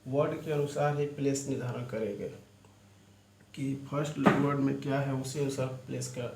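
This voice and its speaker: A man's voice: medium pitch, steady tone, normal speed. A man teaching a shorthand lesson online, explaining step by step and spelling words out letter by letter. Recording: echoey room with faint ambient noise.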